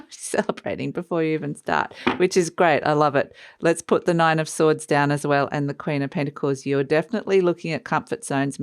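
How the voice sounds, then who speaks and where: Tarot reader doing a chatty mystical horoscope reading, clear smooth voice, encouraging, talks right to you, really dry close sound. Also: mid-range voice, dry recording. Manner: conversational, encouraging, addressing the listener directly.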